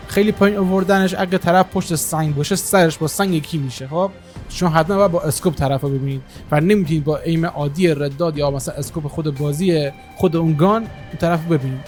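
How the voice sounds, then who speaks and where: A man hosting a gaming channel, talking casually at his computer through a game-settings tutorial, with many hesitations. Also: on the high side. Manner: relaxed, many filler hesitations. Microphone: single desktop microphone.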